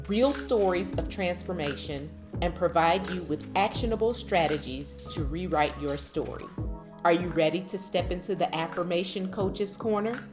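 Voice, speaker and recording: Low-pitched woman hosting a motivational podcast. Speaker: podcast host and affirmation coach. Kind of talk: scripted motivational podcast narration.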